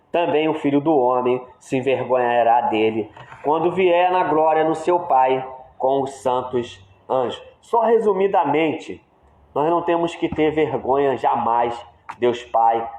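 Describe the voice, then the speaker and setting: A man preaching a sermon at a prayer service with a Brazilian Portuguese accent, lively and questioning his congregation. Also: medium pitch. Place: church hall. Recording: echoey church room.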